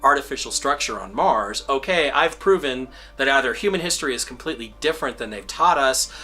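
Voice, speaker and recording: A man's voice: medium pitch, animated, brisk, sharp tone. A man being interviewed, explaining his views in an eager, emphatic way. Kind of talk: enthusiastic interview talk. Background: faint music.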